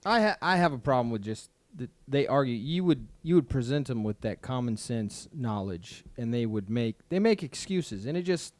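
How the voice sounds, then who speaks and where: A man's voice: mid-range voice, expressive, normal speed, few pauses. A young man co-hosting a podcast in casual chat, blunt and dismissive, swearing freely. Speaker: podcast co-host.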